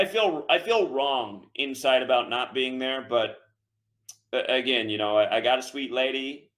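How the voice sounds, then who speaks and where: A man's voice: mid-range voice, a bit bright. A man hosting his own betting show, talking in an aggrieved, repetitive rant that is full of profanity and stammered, repeated words. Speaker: online sports betting show host. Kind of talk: casual livestream monologue.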